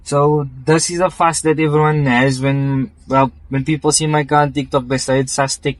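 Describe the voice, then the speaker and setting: A man's voice: a little high, level tone, moderate pace, dry recording, poor audio. A man explaining his car build in a casual interview, talking in stops and restarts with many fillers and technical terms.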